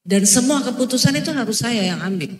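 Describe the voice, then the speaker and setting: A middle-aged woman preaching a personal testimony in a church hall, speaking in an earnest, confessional, animated way. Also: on the high side, a little fast, slight background noise. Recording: echoey long hall reverb.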